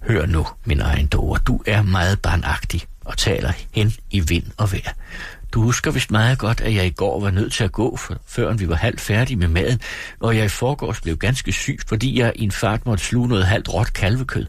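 A man reading the lines of a young husband who reasons gently and earnestly with his wife. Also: on the low side, slightly rough, dry recording, studio quality. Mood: firm, patient.

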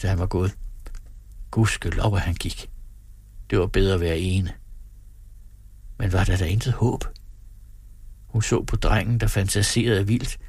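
A man reads a novel aloud in a low voice. His tone is husky, and the recording is dry and close. The storytelling is even and measured. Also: no echo. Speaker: audiobook narrator. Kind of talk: scripted narration.

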